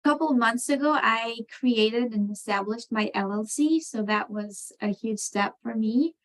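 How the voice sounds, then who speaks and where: A woman from France, answering interview questions on a video call, talking thoughtfully with many pauses and fillers. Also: fairly high pitch, poor audio. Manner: thoughtful, many ums and you knows. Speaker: program participant.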